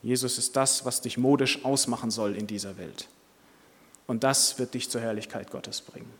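Preacher telling a story in a hall. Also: male voice, mid-range voice, fairly even intonation, normal speed. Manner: narrative, earnest. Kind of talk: sermon with storytelling. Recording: long hall reverb.

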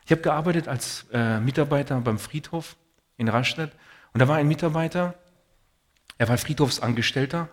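A man preaching a sermon in an earnest, personal way, telling stories and reading Bible passages. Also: mid-range voice.

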